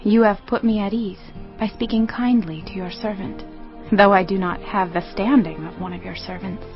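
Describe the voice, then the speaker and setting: Actress as devoted young widow, dull recording. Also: female voice, medium pitch, steady tone, close to an everyday voice. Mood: grateful, humble. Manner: earnest, measured. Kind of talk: dramatised audio Bible acting. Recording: dull, band-limited, music underneath.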